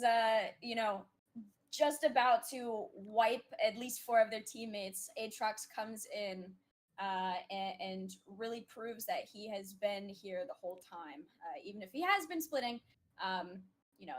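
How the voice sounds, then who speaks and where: A woman's voice: mid-range voice, a little slow. A woman giving color commentary on a live esports match over a headset, chatty and full of fillers. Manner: hesitant, many fillers, chatty. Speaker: esports co-caster.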